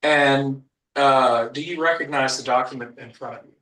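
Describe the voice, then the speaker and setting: Attorney's voice on a courtroom recording, echoey. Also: male voice, mid-range voice, normal speed, bright, forceful tone. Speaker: probate attorney. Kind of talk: formal courtroom questioning. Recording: echoey room, distant mic.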